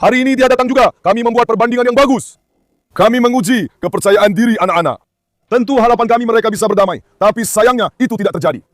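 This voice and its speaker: A man with a high, bright-pitched voice talks casually in an outdoor vlog, calling to his dogs and coaxing them with repeated encouragement. His voice sits close and dry on the mic, with little room around it. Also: quick pace, no echo. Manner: coaxing, calls to dogs, exclamations. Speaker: vlogger handling dogs. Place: outdoors in an industrial area.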